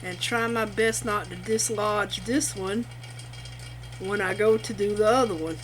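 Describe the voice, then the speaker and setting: Speaking a little slowly in a mid-range voice, a craft tutorial host chats to herself as she works. Her manner is informal and folksy, with a running machine and vacuum pump audible behind her.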